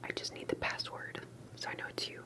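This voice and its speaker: This whispered ASMR roleplay features a woman as a cautious, secretive investigator talking with an alien abductee. She speaks softly and hesitantly, leaving quiet pauses between her words.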